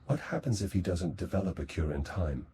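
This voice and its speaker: A man's voice: sits low, sing-song, a little fast, warm tone, slight background noise. A man playing an earnest, dutiful space-crew helper in a video game, polite and plain-spoken. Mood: earnest, curious.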